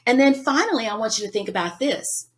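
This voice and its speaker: A woman guest on a podcast interview, giving emphatic, lively coaching advice. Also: on the high side, quick pace. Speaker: guest speaker.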